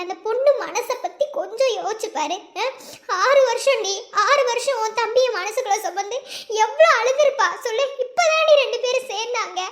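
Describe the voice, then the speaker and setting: A woman plays a young cartoon friend who scolds a distraught girl, her tone rising in reproach. The voice is very high. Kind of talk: cartoon voice acting.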